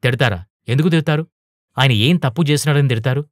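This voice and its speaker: A man's voice: medium pitch, expressive, fast, no room sound, studio quality, natural voice. A man voicing an outspoken young woman teacher in an audio storybook, earnest and turning heated. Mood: indignant. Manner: earnest, rising to heated protest.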